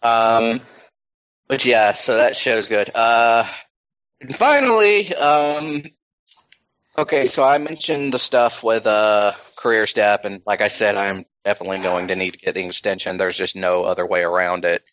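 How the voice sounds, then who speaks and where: A man's voice: fairly low pitch, fairly even intonation, measured pace, fairly bright tone. A man chatting casually as a podcast host, rambling with many ums and restarts. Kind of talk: casual chat. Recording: slightly dull lo-fi sound.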